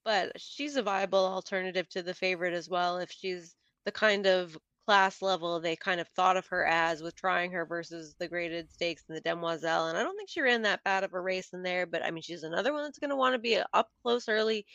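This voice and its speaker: A woman guest on a casual podcast, laying out her picks in a brisk, detailed, analytical way. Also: on the low side, a bit bright, no room sound, muffled recording. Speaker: podcast guest and horse racing handicapper.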